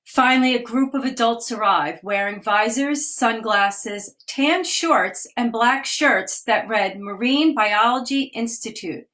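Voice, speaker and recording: This woman, a children's author, reads a picture book on a live stream captured through a phone or webcam, her voice slightly raised and on the high side. Her delivery is a little slow yet nearly pause-free, gentle and clear line by line, with occasional breaks to note what the pictures show.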